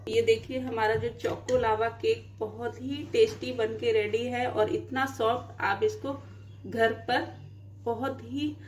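A woman's voice: fairly high pitch, steady tone, takes it slowly, a little mellow, slight background noise. A woman hosting a home cooking demonstration, explaining each step plainly as she works in her kitchen. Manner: explains plainly while cooking, with frequent "dekhiye". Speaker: cooking channel host.

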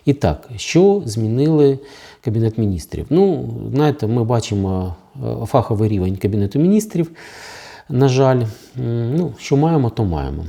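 On his own legal channel, a man with a Ukrainian accent addresses the camera, criticizing new rules with heavy sarcasm and frequent fillers. His medium-pitched voice is mellow and very animated, with vocal fry, and he keeps a moderate pace.

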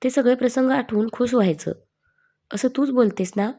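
A woman's voice: a little high, normal speed, dark tone, pitched above the performer's own voice. A woman voicing a playful, affectionate young man who teases his family. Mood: teasing.

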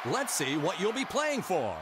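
An emphatic game show host in a video game. His voice is high and very lively, jumping in pitch as he instructs the contestant. Clear game noise runs behind him. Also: normal speed, over a noisy crowd. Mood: upbeat. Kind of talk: game show hosting, scripted.

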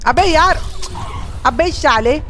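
Hoarse, high-voiced slang gamer man. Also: takes it slowly, faint music behind. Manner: excitable, slangy, repeats himself. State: hoarse, strained throat. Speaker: gaming YouTuber host. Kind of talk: live gameplay commentary.

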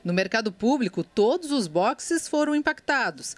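A woman with a Brazilian Portuguese accent reading a scripted news voice-over in a measured, formal way. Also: a little high, very animated. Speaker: news reporter. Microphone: studio voice-over.

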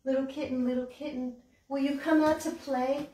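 With a warm, steady, high-sitting voice at normal speed, an older American woman hosts a library storytime for kids featuring puppets, songs and reading aloud. She poses simple, encouraging questions aimed at young children. The mic is distant, the room roomy, and hiss runs underneath.

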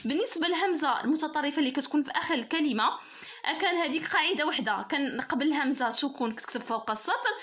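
A woman's voice: high voice, expressive, very fast, fairly bright tone. A woman teacher with a Moroccan Arabic accent who works through a grammar test for pupils, laying out each rule patiently and step by step. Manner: patient, explains rules step by step.

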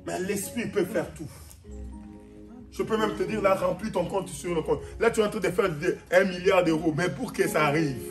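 Congolese pastor, high voice, animated sermon with shouts, echoey hall. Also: male voice, moderate pace, recorded from a distance. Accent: Congolese French. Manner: animated, shouting out, laughing asides. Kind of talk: preaching sermon. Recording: echoey hall, off-mic, music behind.

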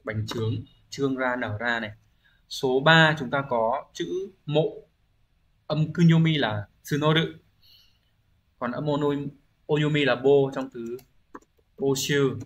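A man's voice: mid-range voice, takes it slowly, pauses often. A man teaching a recorded language exam-review lesson, explaining patiently and often asking rhetorical check-in questions, with frequent hesitation fillers as he thinks aloud.

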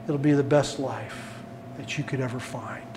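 A male pastor preaching a sermon, animated and swinging between loud calls and hushed asides, recorded in a church sanctuary. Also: medium pitch, moderate pace, background noise. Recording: echoey room, mic at a distance.

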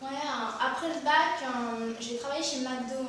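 A woman's voice: sits high, measured pace, a bit bright, very echoey, far from the mic, slight background noise. A woman acting as a sketch partner who repeats her partner's lines.

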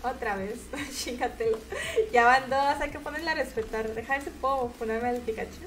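A young woman with a Mexican accent giving chatty, casual commentary over her gameplay, now and then breaking into shrill, shrieking outbursts. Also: normal speed, fairly bright tone, faint music behind. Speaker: gaming streamer.

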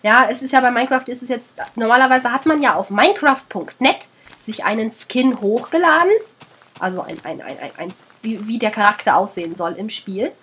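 A woman's voice: on the high side, expressive, a little fast, a bit bright. Woman, German accent, sick, let's play commentary, chatty, scolding, faint background noise. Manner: chatty, scolds game animals, swears casually. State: sick, under the weather. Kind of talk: casual game commentary.

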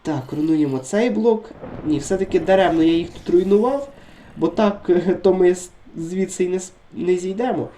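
A man narrates his gameplay in a steady chatter, and his voice sounds worn by illness. His tone is mellow and dark, and he turns excitable when the action heats up, repeating short words. Moments of calm talk alternate with bursts of urgency. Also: high voice, normal speed, a little hiss or hum. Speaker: gaming video creator. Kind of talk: let's-play commentary.

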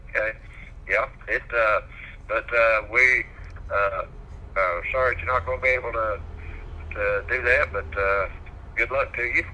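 A man's voice: fairly low pitch, measured pace, pauses often. A man answering a phone call at work, speaking in short, hesitant replies. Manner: terse, hesitant. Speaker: museum worker answering the phone. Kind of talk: phone conversation. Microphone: telephone. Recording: noisy, sharp telephone line.

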